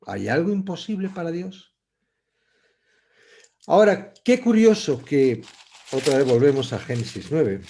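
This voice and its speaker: A man teaching a Bible study in a conversational, reflective way, often pausing and restarting as he searches for words. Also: medium pitch, dark tone, slight background noise.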